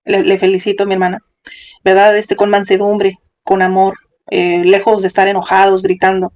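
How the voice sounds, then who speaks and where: A man's voice: high voice, completely flat delivery, normal speed, darkish tone, highs cut off. A man hosting a question-and-answer show, giving affirming pastoral advice and explaining things step by step. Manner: affirming, calls the caller sister, explains step by step. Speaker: host and counselor.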